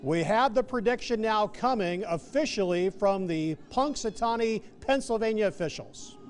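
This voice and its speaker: A man's voice: high-pitched, lively intonation, moderate pace, a little hiss or hum. A man anchoring television news, giving live commentary on an event.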